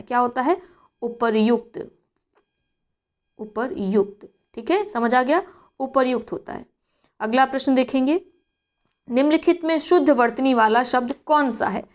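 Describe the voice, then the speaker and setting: A woman with a slightly high voice leads an exam-prep spelling lesson. She works through each word step by step, asks herself rhetorical questions and repeats the answer slowly. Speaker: teacher.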